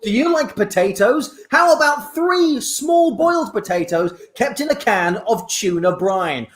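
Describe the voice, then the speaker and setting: A man's voice: very high voice, animated, unhurried, voice pushed up. A man playing a slick, emphatic TV shopping presenter in a comedy parody, cheerfully scornful. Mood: cheery, mocking. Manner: slick, emphatic salesman patter. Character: brightly insulting shopping channel presenter. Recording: roomy livestream audio.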